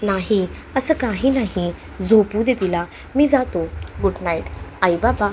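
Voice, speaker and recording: A woman's voice: medium pitch, measured pace, slight background noise, lightly acted. A woman playing a joking young husband. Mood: playful. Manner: joking, warm. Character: playful, protective young husband.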